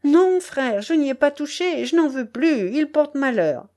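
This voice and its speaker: A woman's voice: a little high, very animated, slow, darkish tone, voice pushed up, heavily acted. A woman voicing a remorseful young male peasant who begs for forgiveness in a tearful voice, in a storybook reading. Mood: tearful pleading. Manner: begging, tearful.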